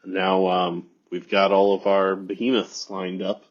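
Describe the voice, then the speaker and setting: A man's voice: sits low, monotone, a little slow, muffled recording. A man with a cold, sounding congested and nasal, chatting as a podcast guest. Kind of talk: casual chat.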